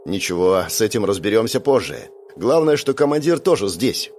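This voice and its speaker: A man's voice: fairly low pitch, sing-song, moderate pace, darkish tone, faint music behind. A man voicing a tough male squad commander who barks short orders. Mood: commanding. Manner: barking orders.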